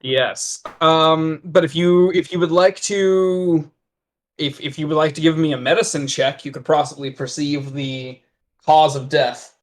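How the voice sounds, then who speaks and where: Male game master, slightly high voice, halting delivery full of fillers. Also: fairly even intonation. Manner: hesitant, many fillers and restarts. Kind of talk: narrating a tabletop game.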